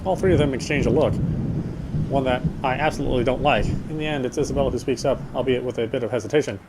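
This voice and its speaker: A game player with a mid-range voice reads a horror game's story aloud as dramatic narration, moving at a quick pace. He sometimes stumbles and rereads phrases, and game music plays in a noisy background.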